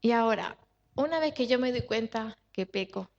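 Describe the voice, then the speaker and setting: A woman's voice: on the high side, expressive, moderate pace, vocal fry, darkish tone. Woman pastor preaching in a reverberant church. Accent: Spanish from Spain. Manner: emphatic, repetitive, rhetorical questions to the congregation. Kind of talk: sermon. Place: church hall. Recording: dull sound with long hall reverb.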